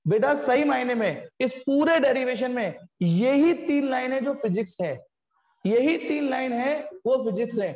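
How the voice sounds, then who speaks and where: This man's voice is very high and a bit mellow, with lively intonation and a slightly slow delivery. He's running a physics lesson online, walking through it step by step and interrupting himself to tell students off bluntly. Long reverb from an echoey room fills the audio.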